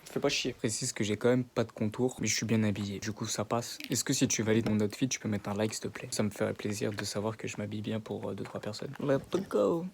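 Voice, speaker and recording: A young man vlogging while he drives, muttering low in slangy street talk, then bursting into loud exasperated rants. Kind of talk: casual vlog monologue while driving. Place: inside a car on the road. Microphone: phone mounted in the car. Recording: road and engine noise.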